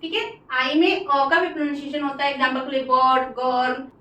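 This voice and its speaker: A woman with an Indian accent teaching English pronunciation, saying each word slowly and repeating it for the class. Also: sits high, steady tone, pushed and bright. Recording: echoey room, voice from far off.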